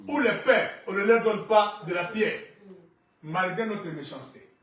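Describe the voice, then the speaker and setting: Preacher guy, bright sharp tone, shouts then goes quiet, big echoey church. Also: high voice, measured pace, distant mic. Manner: preaching with shouted peaks and quiet drops, mixing in Lingala phrases. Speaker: pastor. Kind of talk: sermon.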